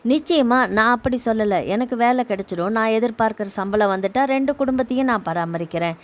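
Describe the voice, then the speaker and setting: A woman's voice: on the high side, brisk, lightly acted. A woman narrator voicing a middle-aged husband torn between two homes, speaking in a soothing, pleading way. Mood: reassuring. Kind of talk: audio novel reading.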